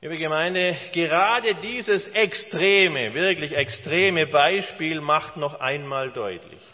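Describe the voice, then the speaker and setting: A man preaching a sermon as pastor, slow and deliberate with emphatic pauses. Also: a little high. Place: church. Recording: dull, reverberant church hall recording.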